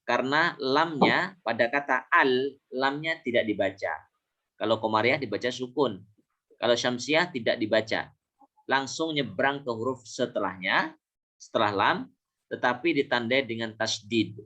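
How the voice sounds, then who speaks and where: A man teaches a class on reading Arabic, speaking at an ordinary mid pitch. He is patient and repeats each example word slowly, with small fillers and self-corrections along the way. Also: bright, forceful tone. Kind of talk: classroom lesson.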